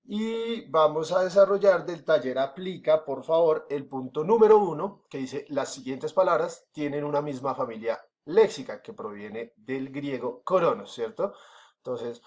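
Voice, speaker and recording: A man's voice: fairly high pitch, expressive, measured pace, a little mellow. A man with a Colombian accent teaching a recorded school lesson, explaining step by step with many fillers and frequent checks that the class is following. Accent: Colombian Spanish.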